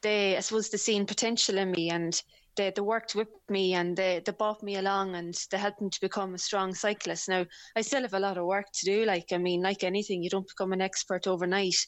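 This amateur cyclist from County Leitrim, speaking with a west of Ireland accent, shares relaxed stories as an interview guest. Her voice is medium-pitched and steady, she talks a little fast, and the recording is dry.

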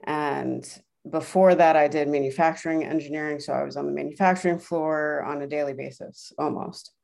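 A woman's voice: sits low, fairly even intonation, fairly quick, gravelly, a little mellow. A woman speaking as a podcast guest, casually telling her own story in an interview.

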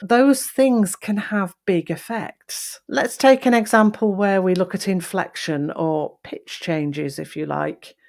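A woman hosting a voice-coaching podcast, speaking deliberately and demonstrating emphasis and changes of pace. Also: medium pitch, gravelly, a little mellow. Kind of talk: instructional podcast talk.

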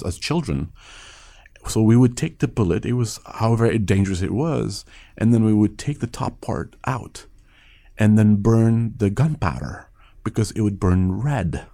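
A man in his late thirties from Afghanistan tells his story with frequent pauses and restarts. His voice sits fairly low and sounds dark and mellow, and he speaks as a guest looking back on his life. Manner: measured, many hesitations and restarts. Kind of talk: reflective interview storytelling.

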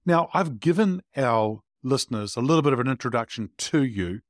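A man's voice: mid-range voice, animated, fairly quick, no echo, clean studio sound. A man hosting a podcast interview, enthusiastic and affirming toward his guest. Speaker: podcast host.

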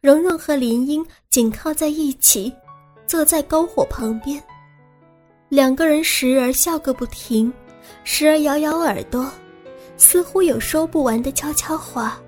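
A woman narrating a serialized audiobook in a steady, smooth storytelling manner. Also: high-pitched, unhurried, soft background music.

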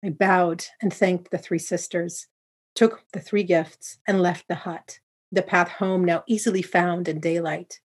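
A woman narrating a first-person folktale in a steady, descriptive way. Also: on the low side, a little slow, husky. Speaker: storyteller.

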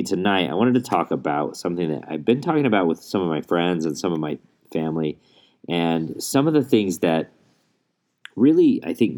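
A man's voice: deep voice, mellow. A man hosting a podcast in a casual, conversational solo monologue, recorded under a blanket in a closet at home. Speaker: podcast host. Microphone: makeshift setup without usual recording gear.

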